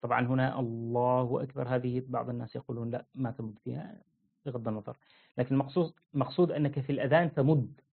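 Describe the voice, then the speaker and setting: A man's voice: mid-range voice, steady tone, racing, vocal fry, husky. A man giving an informal religious lesson, explaining plainly and demonstrating how phrases are chanted. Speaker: religious teacher. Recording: phone-like narrow audio.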